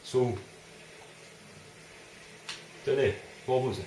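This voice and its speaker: A man's voice: medium pitch, slow pace, dark tone, reverberant, slight background noise. A man commentating his own gameplay, swearing and yelping when startled. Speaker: let's play gamer.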